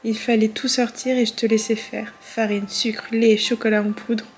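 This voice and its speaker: A woman's voice: fairly high pitch, little pitch movement, moderate pace, faint music behind, natural voice. A woman reading aloud in the voice of an elderly grandmother who looks back on her life with grief and tenderness. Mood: tender.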